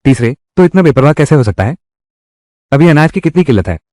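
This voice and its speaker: A dubbing narrator recaps a Hindi drama, reading every part himself in one voice. His warm voice sits on the high side with big pitch swings, and he talks fast; the studio-quality audio has no room sound.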